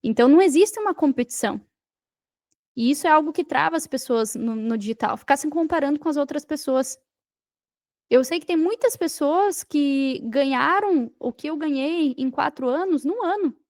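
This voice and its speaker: A Brazilian digital marketer appears as a podcast guest, giving a motivational talk in a high, darkish voice at normal speed. She repeats her points emphatically and speaks straight to the listener, captured in clean studio sound with no echo.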